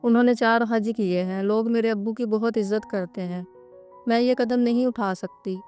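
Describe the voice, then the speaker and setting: A woman voicing a frightened young woman who speaks softly and pleads, over faint music. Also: on the high side, fairly even intonation, natural voice. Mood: pleading. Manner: pleading, soft.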